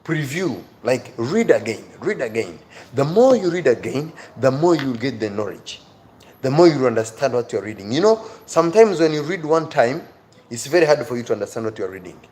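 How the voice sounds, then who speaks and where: A very animated man with a medium-pitched, darkish voice teaches an English reading-skills lesson on a livestream at normal speed. As the host and online teacher, he addresses viewers directly, emphatically repeating phrases, pleading and encouraging. The recording is rough, with clear background noise.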